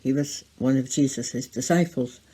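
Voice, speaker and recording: A woman presenting a children's scripture lesson with signing, deliberate and sing-song as she demonstrates word by word. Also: extremely low pitch, warm tone, husky, low-quality recording. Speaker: children's holiday club presenter.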